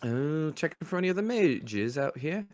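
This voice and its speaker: A man's voice: a little high, very animated, moderate pace, a little mellow, voice pushed up. A man doing a cheeky little street urchin. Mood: chatty. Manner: wheedling and chatty, in a put-on accent. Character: cheeky young male street urchin, scrappy and begging.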